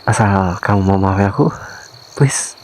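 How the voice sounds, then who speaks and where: A man voicing a remorseful young husband softly pleading with his wife, in a whispered role-play that sprinkles in English phrases. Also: low voice, unhurried, slight background noise, rough recording. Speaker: ASMR voice actor.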